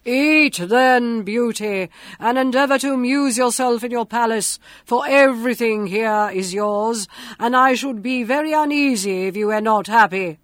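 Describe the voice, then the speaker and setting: A woman voicing a gentle, humble male beast who speaks loudly and draws his words out. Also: a little high, a little slow, no room sound, clean studio sound, lightly acted. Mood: plaintive.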